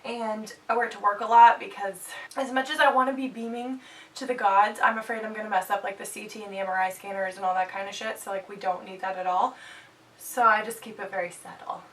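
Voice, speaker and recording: With a medium-pitched, steady voice that runs a little fast and a bit bright, a twenty-something beauty vlogger reviews products for her channel. She's stuffed up but bubbly and chatty, slipping in jokey asides. The mic is slightly distant, with faint background hiss.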